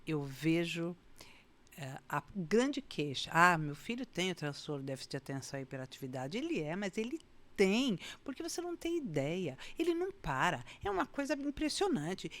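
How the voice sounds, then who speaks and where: A woman with a Brazilian accent hosting a podcast in casual conversation, animated and given to acting out scolding parents. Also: lowish voice. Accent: Brazilian Portuguese. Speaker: podcast host.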